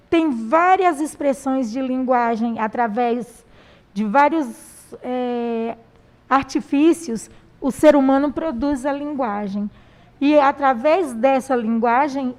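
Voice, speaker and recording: A Brazilian woman teaching a primary school language lesson, explaining patiently with pauses and fillers. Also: high voice, a little mellow. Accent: Brazilian Portuguese. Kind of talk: recorded classroom lesson.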